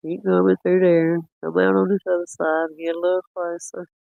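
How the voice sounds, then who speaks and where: A man chatting casually while reviewing footage, rambling and quick to laugh. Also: high-pitched, flat delivery, gravelly, darkish tone, no room sound, dull audio. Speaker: cryptid-hunting streamer.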